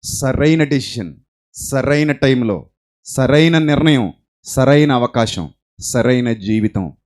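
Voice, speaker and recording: A man preaching a sermon who swings between loud emphasis and hushed storytelling, asks rhetorical questions and mixes English phrases into his speech. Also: mid-range voice.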